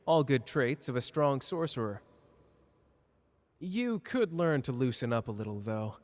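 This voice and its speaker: A man's voice: medium pitch, big pitch swings, unhurried, darkish tone. Man acting cocky, flirty Gojo in long reverb. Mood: smug, teasing. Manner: teasing, casual, boastful. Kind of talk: ASMR character roleplay addressed to listener.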